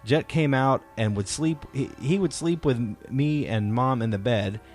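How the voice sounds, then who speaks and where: With faint music behind him, a man in his thirties speaks in a mid-range, slightly mellow voice at a slightly slow pace. He's a father hosting a podcast where he chats casually and tells his children personal stories.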